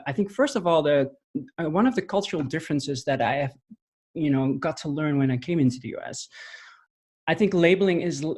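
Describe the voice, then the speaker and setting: A man with a Dutch accent talks through his answers in a podcast interview. His voice sits a little high, and he pauses often, using fillers and restarting sentences as he thinks aloud. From Netherlands. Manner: thoughtful, halting, many fillers and restarts. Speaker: podcast guest, missionary trainer.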